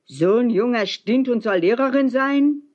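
Lady reading as a grumpy old boat guy, loud and blunt, storybook vibe, kinda dull sound. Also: fairly high pitch, measured pace, voice pushed up. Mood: gruff. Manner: bellowing, blunt, grumbling. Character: gruff old male bargeman, stubborn, loud.

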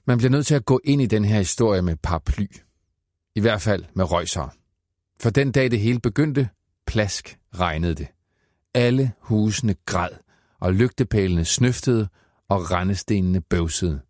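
Man, deep voice, playful audiobook narration, dry close studio sound. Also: no room sound. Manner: playful, expressive storytelling.

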